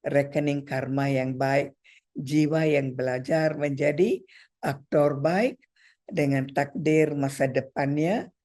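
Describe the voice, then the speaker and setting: A spiritual teacher addressing a gathering at a slow, unhurried pace. The delivery is measured and deliberate, pausing between phrases and repeating key words while counting points off one by one. The voice sits at an ordinary middle pitch. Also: darkish tone. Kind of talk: spiritual talk to an audience.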